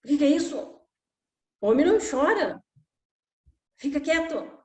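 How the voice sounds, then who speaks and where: A woman's voice: high voice, expressive, unhurried, a little mellow, pitched above the performer's own voice. A woman voicing a stern, disapproving father who curtly scolds his crying son. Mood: scolding. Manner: curt, scolding commands. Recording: echoey room.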